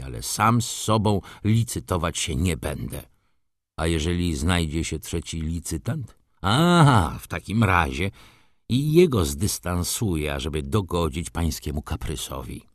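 A man's voice: sits low, no room sound, clean studio sound, exaggerated voice. Man reading a blunt, shrewd lawyer. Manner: frank, lecturing, mildly mocking. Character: blunt shrewd male lawyer, middle-aged.

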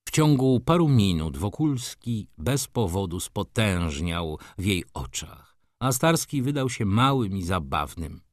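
Low, expressive male storyteller. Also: a little slow, no room sound, studio quality. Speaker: audiobook narrator. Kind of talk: scripted narration.

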